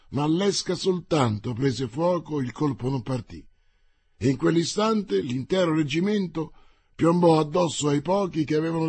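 A man reads an adventure novel aloud with dramatic pacing. His voice sits a little high and sounds husky, recorded close and dry with no room sound. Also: a little mellow, no room sound. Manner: dramatic, paced reading. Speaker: narrator. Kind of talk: audiobook narration.

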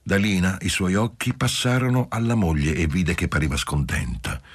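A man reading a literary novel aloud as an audiobook narrator, steady and measured. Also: sits low, breathy edge, dry recording, studio quality.

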